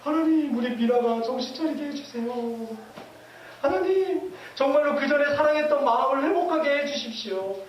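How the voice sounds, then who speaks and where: A man's voice: extremely high pitch, expressive, moderate pace, highs cut off, slight background noise. A male pastor voicing the Holy Spirit as a sorrowful, pleading spirit praying tearfully for a wandering believer. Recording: echoey hall from far off.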